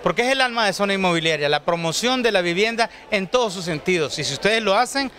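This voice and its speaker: A man's voice: sits high, animated, quick pace, sharp tone. A man in his forties hosting a TV show, interviewing a guest at a trade fair booth with a handheld mic, formal and courteous. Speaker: TV show host.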